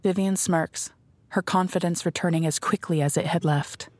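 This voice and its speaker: A woman narrating an audio drama in a measured, descriptive storytelling manner. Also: lowish voice, fairly even intonation, no room sound. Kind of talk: scripted narration.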